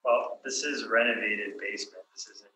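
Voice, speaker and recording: A man testifying as a city assessor, heard over a remote call that breaks up, answering questions in a halting, hesitant way. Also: fairly low pitch, bright, forceful tone, echoey room, poor audio. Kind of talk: testimony under cross-examination.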